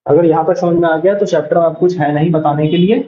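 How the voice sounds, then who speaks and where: A man's voice: fairly high pitch, steady tone, quick pace, dark tone, reverberant, dull audio, slight background noise. A man teaching a shorthand lesson online, patiently explaining and repeating each word as he writes it.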